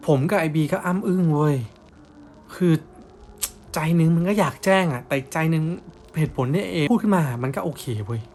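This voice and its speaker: A man's voice: on the high side, expressive, normal speed, darkish tone, slight background noise. Young man telling a slangy ghost story. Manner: blunt slangy storytelling with coarse words. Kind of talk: casual spoken ghost story.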